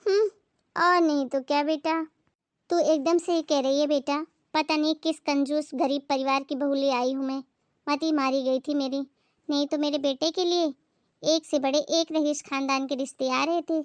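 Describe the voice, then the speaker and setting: A woman's voice: sits high, steady tone, moderate pace, no room sound, close to an everyday voice. A woman playing a bossy haughty mother-in-law. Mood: contemptuous. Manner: scolding, condescending. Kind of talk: Hindi moral story voice acting.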